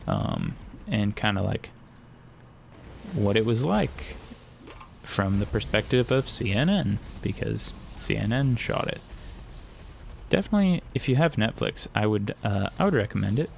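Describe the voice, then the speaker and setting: A young man with a low, gravelly voice chats loosely over his gameplay, drifting between jokes and tangents. His crude, offhand humor keeps the commentary loose and rambling, with a faint hiss sitting under the audio. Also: huge pitch swings, a little slow. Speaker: gaming streamer.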